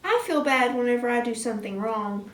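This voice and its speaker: A woman's voice: a little high, lively intonation, a bit bright. A woman voicing a clumsy, earnest little girl puppet in a church puppet skit, recorded from afar in an echoey room. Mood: sorry. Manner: slow, earnest, childlike. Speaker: puppet character in a kids class skit. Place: church classroom. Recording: roomy hall, mic far off.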